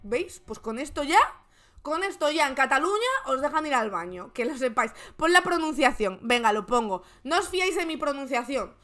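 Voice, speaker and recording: A woman's voice: high voice, animated, normal speed, fairly bright tone. A woman from Spain with a Spain Spanish accent, hosting a streamed show and giving comic, mocking commentary on the news. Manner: sarcastic and mocking. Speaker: streamer host.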